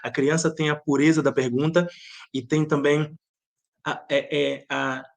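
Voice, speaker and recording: Speaking unhurriedly in a gravelly, fairly high voice with a level tone, this Bahian playwright and director reflects on interview questions. He has an accent mixing Bahian and European Portuguese and frequently restarts his sentences as he searches for the right words.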